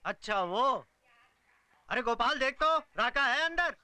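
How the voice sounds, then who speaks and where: An actor playing a tea stall owner who answers evasively. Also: male voice, very high voice, expressive, a little slow, bright, forceful tone, clean tone, no echo, full character voice.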